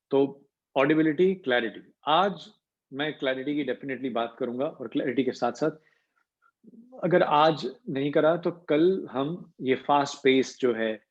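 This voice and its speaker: A male voice coach leads an online class and explains breathing and pitch step by step. His voice sits in a middle range. The call audio is muffled and lo-fi. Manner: explanatory, mixing in English terms. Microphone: video call.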